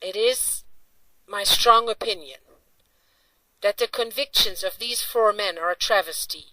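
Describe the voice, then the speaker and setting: A woman's voice: mid-range voice, unhurried, sharp tone, no room sound. A woman reading a formal, earnest scripted narration. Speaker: narrator of an advocacy video. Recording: distant dry voice over faint music.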